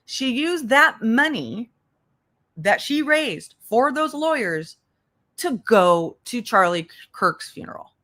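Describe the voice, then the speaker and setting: A livestream host and legal commentator gives casual, unscripted commentary that's blunt, profane and exasperated, repeating points for emphasis. Her voice is on the high side, slow and bright, with big pitch swings and a forceful tone.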